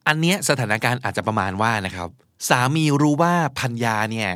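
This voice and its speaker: A man teaching English vocabulary and idioms, acting out example lines in English with animated delivery. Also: medium pitch, fairly quick, dry recording, clean studio sound. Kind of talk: vocabulary lesson.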